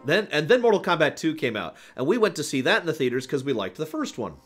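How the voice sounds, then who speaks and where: Hosting a livestream, a man with a fairly high-pitched, very animated voice talks fast and casually, wandering off topic and stressing words emphatically as he shares opinions and responds to live chat. His tone is fairly bright, with faint music in the background.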